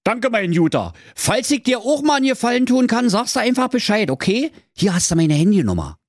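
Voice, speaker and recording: A man's voice: high voice, very animated, fairly quick, dry recording, studio quality, voice pushed up. A man doing a griping, cursing huntsman. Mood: grateful. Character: grumbling overworked male huntsman.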